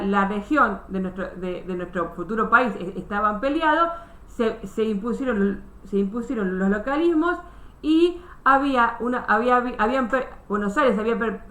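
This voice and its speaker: Woman history teacher, high voice, step-by-step online class, roomy call audio. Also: bright, forceful tone. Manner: explains step by step, many restarts, checks understanding.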